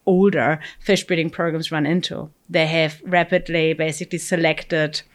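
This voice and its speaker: A middle-aged German woman, a scientist who breeds fish, answers interview questions in a deep voice with little pitch movement and a moderate pace. She comes across as thoughtful, explaining with many fillers, asides, and "you know."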